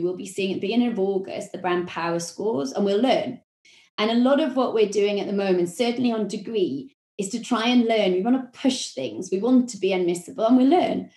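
A woman with a Welsh accent, a marketing executive explaining her work in a podcast interview, measured and full of corporate phrasing. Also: medium pitch, a little mellow, echoey room.

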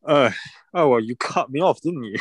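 Born in China, this young man casually chats with a friend, teasing him laid-back and laughing often. His husky, medium-pitched voice has lively intonation at a normal speed, with no echo.

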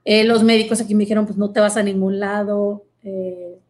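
A woman's voice: mid-range voice, level tone, brisk, darkish tone. A woman, a guest earnestly telling her vocation story in conversation, with many fillers. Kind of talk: personal testimony in conversation.

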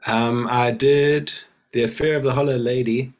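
A man, croaky and hoarse from a cold, chatting casually and hesitantly as a podcast guest. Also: medium pitch, steady tone, moderate pace. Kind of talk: casual chat.

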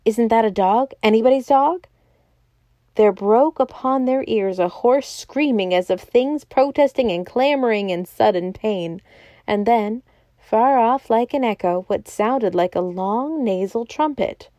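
A woman narrating a novel aloud in a steady, measured reading. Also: a little high, no echo. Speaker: audiobook narrator. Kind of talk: scripted narration.

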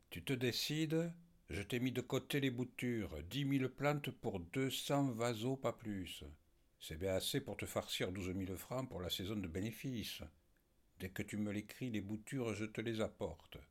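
A man's voice: lowish voice, unhurried. A man voicing a jovial, friendly flower grower reading out his letter, in a storybook reading. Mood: hearty.

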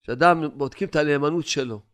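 A man preaching a sermon, telling stories and swinging between loud urging and hushed asides. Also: on the high side.

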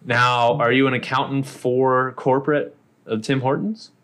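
Brief: male co-host, mid-pitched voice, joking, quick to laugh, loose chatty banter. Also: level tone, fairly bright tone. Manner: teasing, laughs often. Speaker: podcast co-host. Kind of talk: casual banter.

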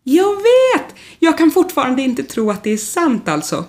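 A woman reading a storybook voices an excitable, nervous young man who bursts into high exclamations. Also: natural voice. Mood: panicked. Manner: high-strung, shrill exclamations.

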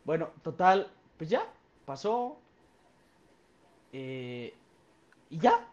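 A man's voice: fairly high pitch, huge pitch swings, very slow. A young man with a Mexican Spanish accent telling a story on a podcast in a rambling, slangy way with lots of fillers. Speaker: podcast co-host. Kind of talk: casual storytelling. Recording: dull lo-fi sound.

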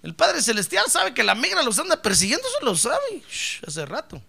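A male pastor preaching a sermon, emphatic and repetitive, swinging from hushed asides to loud cries. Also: very high-pitched, wildly swooping pitch, normal speed, gravelly, breathy edge.

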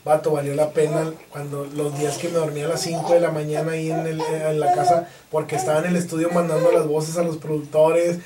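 A man's voice: on the high side, a little fast, few pauses. Slangy Mexican man in an echoey room. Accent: Mexican Spanish. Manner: relaxed slangy talk, laughs often. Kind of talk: casual interview chat. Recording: echoey room, distant mic, background noise.

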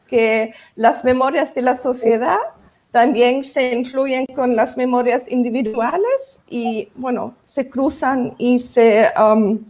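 A woman with a fairly high voice speaks at a very slow pace. She has a foreign, non-native accent in Spanish and searches for her words as she explains her writing in a panel discussion. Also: a little mellow, poor audio. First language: not Spanish. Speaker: novelist, panel guest.

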